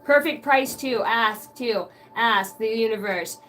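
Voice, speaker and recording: With a fairly high, fairly bright voice, a woman reads tarot live for viewers at a slow pace while faint music plays. She chats casually and meanders, dropping lots of fillers and a swear word here and there.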